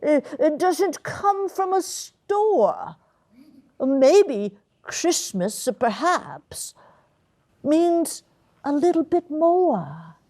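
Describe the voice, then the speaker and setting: Storybook grouch creature, male character played by a woman, slow, stretched-out theatrical phrasing. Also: sits high, very animated, warm tone, voice pushed up, exaggerated voice. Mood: puzzled, softening. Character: the Grinch, sneering male storybook grouch, gleeful then bewildered.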